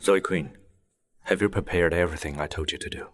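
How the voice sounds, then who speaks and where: An actor playing a reserved young company boss who speaks in a calm, clipped, commanding way. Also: male voice, low-pitched, a little fast, lightly acted. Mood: cool. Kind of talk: dubbed short drama acting.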